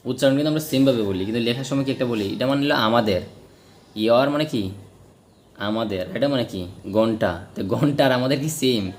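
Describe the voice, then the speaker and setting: A man's voice: medium pitch, quick pace, slight background noise. Man teaching a grammar lesson. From Bangladesh. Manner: explains step by step, asks and answers own questions. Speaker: English teacher.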